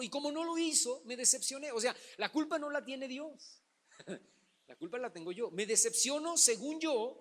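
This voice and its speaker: A pastor delivering a Sunday sermon, addressing the congregation as brothers and acting out Bible stories. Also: male voice, very high voice.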